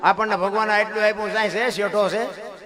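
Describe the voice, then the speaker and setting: A man telling a folk story with moral talk, animated, swinging from loud exclamations to soft asides and addressing listeners as 'bapu'. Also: high voice, fairly quick. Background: instrumental music.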